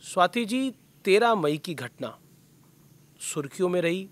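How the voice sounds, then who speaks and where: A man hosting a formal studio interview. His voice sits a little high for a man, and he asks pointed questions at a measured pace. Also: very animated. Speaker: host.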